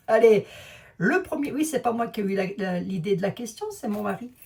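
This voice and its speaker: A woman's voice: mid-range voice, expressive, moderate pace, gravelly, darkish tone. A woman with a Lorraine accent, a clairvoyant talking casually and rambling to her viewers from home while painting a room. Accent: Lorraine French. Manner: rambling, digressive, talks straight to the audience. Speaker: clairvoyant YouTuber. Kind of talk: casual chatty monologue to viewers.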